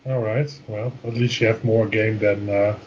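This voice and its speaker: A man's voice: fairly low pitch, little pitch movement, moderate pace. A man playing in a tabletop game, chatting and teasing the others in a dry way. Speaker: player. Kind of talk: casual tabletop game chat. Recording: dull lo-fi mic with faint hiss.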